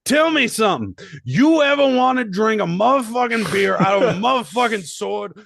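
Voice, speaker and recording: A man doing a crude, shouting hype-man announcer for a mock ad, pushed high and loud. The sound is close and dry, with no room around it. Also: big pitch swings, moderate pace, gravelly, no echo, exaggerated voice. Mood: hyped. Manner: shouty, profane, pumped up. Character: over-the-top hype-man ad announcer, male.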